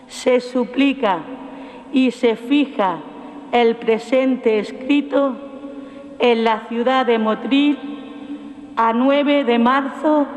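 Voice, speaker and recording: A man giving a solemn, formal reading of an old proclamation at a church ceremony, in measured, deliberate phrases. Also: extremely high pitch. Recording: echoey hall with long reverb.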